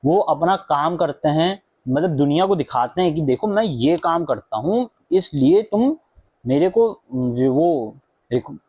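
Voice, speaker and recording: Young man, casual book review vlog, chatty and rambling, slightly high voice, dry close sound. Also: lively intonation, a little slow, darkish tone, breathy edge, no echo, dull audio. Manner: chatty, mixing Hindi and English, many fillers and asides. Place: indoor room at home with a fan running.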